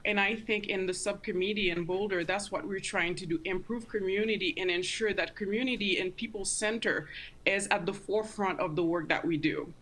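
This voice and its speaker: A woman speaking as an interview guest, giving earnest, deliberate commentary and stressing her points. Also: medium pitch, steady tone, fairly bright tone. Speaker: interview guest, community advocate.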